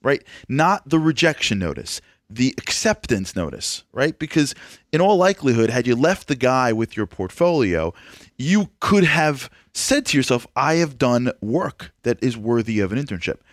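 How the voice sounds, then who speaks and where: A man hosting an interview, talking emphatically with quick restarts. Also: mid-range voice, big pitch swings, dry recording, studio quality. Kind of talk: interview conversation.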